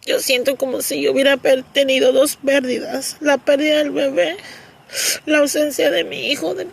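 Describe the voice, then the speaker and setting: A woman's voice: high-pitched, level tone, moderate pace, vocal fry. A middle-aged mother gives an emotional personal testimony, faltering, fervently religious and often close to tears.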